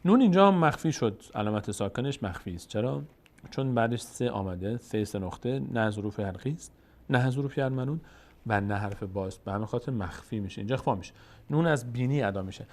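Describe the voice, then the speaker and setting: Explaining one recitation rule at a time, a Tajik-accented man leads a Quran lesson and then chants each example word in a slow, drawn-out way. He speaks at medium pitch with lively intonation and a slightly mellow quality.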